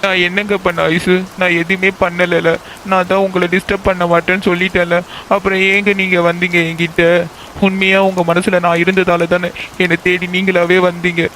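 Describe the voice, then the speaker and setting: A man's voice: high voice, monotone, normal speed, slight background noise, poor audio. A man voicing a devoted young man in a cartoon love story, earnest and reassuring. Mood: pleading. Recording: loud background music over dialogue.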